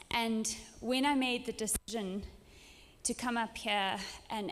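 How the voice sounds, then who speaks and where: A woman from Zimbabwe delivers an emphatic keynote speech to a conference audience, pausing now and then with an um. Her voice sits at a middle pitch. The sound carries a long reverb from the hall. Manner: earnest, emphatic, with fillers. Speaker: conference speaker.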